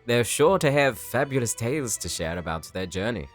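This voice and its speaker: A man's voice: medium pitch, expressive, normal speed, soft background music, natural voice. A man playing a flamboyant, gracious vampire count in an audio drama, with effusive aristocratic delivery. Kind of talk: cinematic audio roleplay acting.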